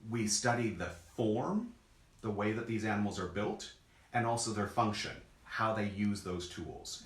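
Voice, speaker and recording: Low-voiced man explaining simply, echoey room. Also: a bit bright. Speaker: zoologist co-hosting a children's question session. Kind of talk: casual educational explanation for children. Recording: echoey room, background noise.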